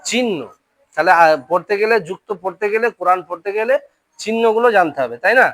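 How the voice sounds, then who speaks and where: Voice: medium pitch, fast, fairly bright tone, dry recording. Patient teacher drilling Arabic letters. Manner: drills syllables aloud, often checks understanding. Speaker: Quran reading teacher. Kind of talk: letter-by-letter Quran reading lesson. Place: classroom with a board.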